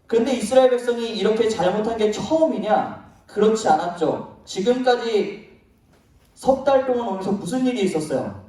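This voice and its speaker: A high, animated male pastor tells a children's sermon as a story and keeps asking his young listeners questions. His voice is mellow in tone. He sounds far from the mic in a very roomy, echoing church sanctuary. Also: normal speed. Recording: very echoey hall, voice from far off.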